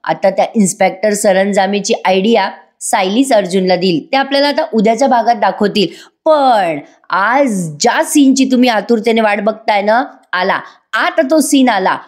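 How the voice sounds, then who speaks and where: A woman's voice: mid-range voice, moderate pace. A woman giving a casual voice-over review of a TV serial, chatting directly to her viewers.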